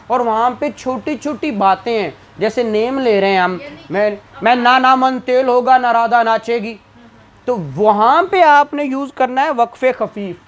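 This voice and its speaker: Man w ish teaching a class, keeps asking "what's it called?" then answering, repeats every term. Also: high-pitched. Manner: asks questions and answers them himself, repeating terms. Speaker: law exam tutor. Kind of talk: classroom lecture.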